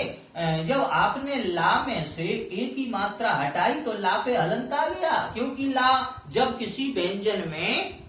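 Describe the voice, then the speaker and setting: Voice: medium pitch, fairly bright tone, a little hiss or hum. A teacher explaining a grammar lesson step by step, patiently repeating the key terms. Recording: very echoey room.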